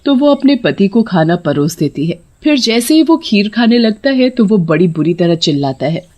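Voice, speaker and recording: A woman's voice: mid-range voice, big pitch swings, normal speed, muffled recording. Woman narrating a cartoon horror story.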